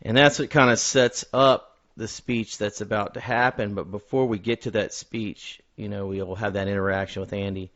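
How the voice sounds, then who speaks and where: Male podcast host, lower-pitched middle range, halting casual movie talk, slightly lo-fi recording. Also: steady tone, a bit bright. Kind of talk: casual film discussion with a co-host. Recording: dull, lo-fi sound.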